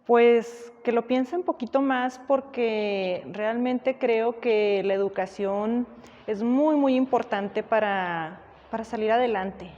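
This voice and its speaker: A woman from Sinaloa, Mexico, giving a relaxed, conversational personal testimony. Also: on the high side, slow, in a large hall, lo-fi sound.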